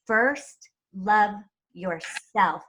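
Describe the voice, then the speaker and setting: A woman's voice: medium pitch, very slow, fairly bright tone. A woman host introducing her show and guest in a presenter's style. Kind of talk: scripted-sounding show introduction.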